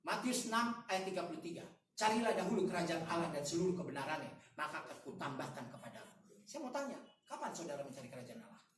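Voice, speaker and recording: A man preaching a sermon at a prayer meeting, animated and full of rhetorical questions and slangy asides. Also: fairly high pitch, quick pace. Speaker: evangelist preacher. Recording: echoey room, distant mic, faint noise.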